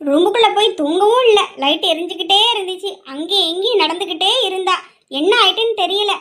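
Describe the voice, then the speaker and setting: A woman's voice: very high-pitched, fast, a bit bright. A woman playing a nagging, sarcastic mother. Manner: scolding, sarcastic. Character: sharp-tongued middle-aged mother, nagging. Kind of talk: amateur audio drama acting.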